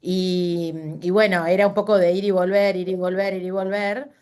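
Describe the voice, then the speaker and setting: Her mid-range voice is level and somewhat dark in tone, moving at a moderate pace. A middle-aged woman with a Uruguayan Spanish accent, she appears as a casual interview guest recounting personal stories with many fillers and self-corrections.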